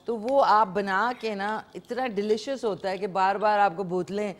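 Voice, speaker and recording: A woman's voice: mid-range voice, steady tone. A woman hosting a live morning TV show, chatting casually as she cooks and talks to viewers and callers. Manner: chatty, code-switching with English words, talks to viewers and callers. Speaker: morning show host cooking on air. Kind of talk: casual live cooking demonstration.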